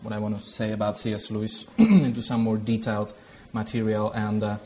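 This Czech theology lecturer has a lowish, dark voice and a brisk delivery, and he speaks with a Czech accent. He is opening an informal workshop with a prayer. His manner is hesitant and self-deprecating, full of fillers.

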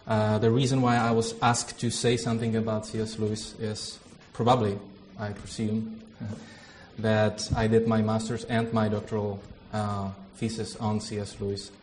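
This theology lecturer, a man from the Czech Republic with a Czech accent, opens a workshop in a filler-heavy, hesitant, self-deprecating way. The informal talk includes a prayer, delivered at a moderate pace in a fairly low, darkish, flat voice with a little hiss or hum.

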